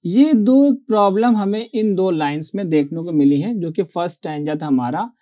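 A male teacher giving an online poetry lecture, reading verse lines out slowly and often checking whether students have followed. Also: high voice, lively intonation, lo-fi sound.

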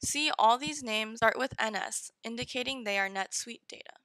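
A woman narrating a step-by-step software tutorial in short, direct instructions. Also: on the high side, moderate pace, no room sound, poor audio. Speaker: software demo presenter.

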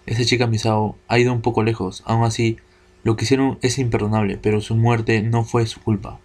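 A man reading the lines of a grave, earnest male spirit guardian in a video game, in a measured, formal way. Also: on the low side, flat delivery, darkish tone, close to an everyday voice. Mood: solemn.

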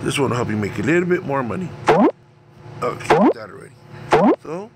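Playing a wrestling management game for his gaming channel, a man with a cold and a scratchy voice casually comments on his picks in relaxed, rambling let's play commentary. His voice is mid-range and his pace moderate.

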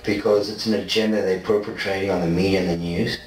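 This suspect talks fast in a deep, steady voice. A man in his forties from South Africa and Argentina, he presses his answers during a police interrogation and keeps checking with "okay?". The recording comes from a distant fixed room-camera mic in a small bare interview room, sounding roomy and noisy like surveillance footage.

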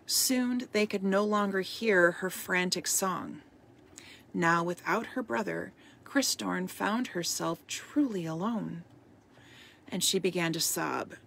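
A woman reading a storybook aloud as a podcast host, soft-spoken and at times dropping into a whisper. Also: on the low side, gravelly, slight background noise.

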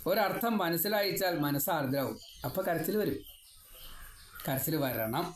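A man giving a devotional scripture lesson. He chants verses slowly, then explains them in a rambling, personal way with wry asides. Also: fairly high pitch, expressive, a little hiss or hum. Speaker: Bhagavatam teacher. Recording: echoey room with faint ambience.

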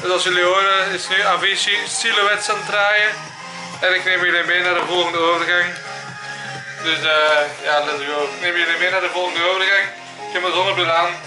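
A man's voice: high voice, little pitch movement, moderate pace, over music. A man in his twenties with a Flemish accent, chatting casually to his vlog and dropping in English phrases. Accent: Flemish Belgian. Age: 20s. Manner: peppers talk with English phrases. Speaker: vlogger. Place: small room at home. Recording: roomy, echoey home recording.

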